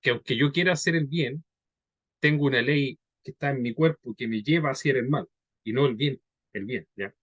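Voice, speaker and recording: A male preacher giving a conversational teaching sermon, checking in with his listeners by often asking "¿ya?" and "¿verdad?", and reading scripture slowly. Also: mid-range voice, husky, no room sound, lo-fi sound. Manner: reads scripture slowly and deliberately.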